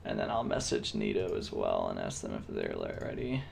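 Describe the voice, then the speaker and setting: A man's voice: very deep voice, huge pitch swings, a little fast, creaky, noisy background. A man hosting and commentating a gaming tournament stream, chatty and joking with the live chat.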